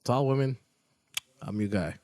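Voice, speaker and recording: A man's voice: mid-range voice, measured pace, mellow, dry recording. A man co-hosting a podcast in casual chat, speaking bluntly and emphatically. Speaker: podcast co-host.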